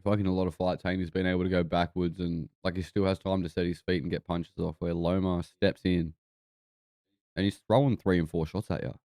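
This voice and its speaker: A man with a broad Kiwi accent and a deep, mellow, gravelly voice. He commentates on a fight casually and bluntly, like a laid-back bloke, recorded close and dry. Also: little pitch movement, fairly quick, no room sound. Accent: New Zealand. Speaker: boxing watch-along podcast host.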